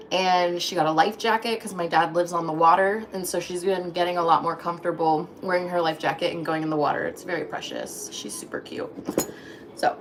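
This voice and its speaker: A woman's voice: lowish voice, background noise. A woman in her thirties chatting casually on a livestream from her home kitchen, greeting viewers by name. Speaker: livestream host. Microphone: phone.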